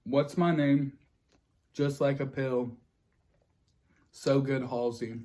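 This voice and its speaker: A man's voice: mid-range voice, fairly even intonation, slow pace, warm tone. A man hosting a mukbang, chatting casually with a friend. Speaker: host of a mukbang food vlog.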